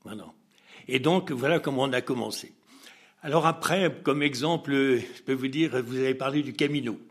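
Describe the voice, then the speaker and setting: A man telling an anecdote as an interview guest. He is a lively storyteller who acts out dialogue, laughs often, and hesitates and restarts. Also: medium pitch, normal speed.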